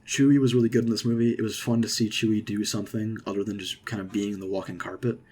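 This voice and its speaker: Rambling young man, husky low voice. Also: quick pace. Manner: rambling and excited, many fillers and restarts. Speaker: vlogger. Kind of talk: casual movie reaction monologue.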